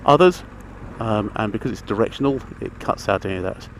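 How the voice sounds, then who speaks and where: With a fairly low pitch, lively intonation and a slightly fast delivery, this motorcycle vlogger rambles through a casual, matter-of-fact gear review mid-ride. His helmet mic picks up the engine, passing traffic and the outdoors.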